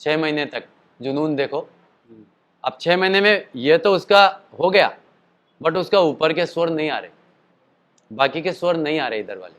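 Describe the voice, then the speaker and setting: A singing and voice teacher with a slightly high, fairly bright voice gives a casual lesson, rambling and chatty, with lively intonation at a normal speed and frequent pauses. His throat sounds worn from last night's show, and he stops every so often to demonstrate calls and sung notes.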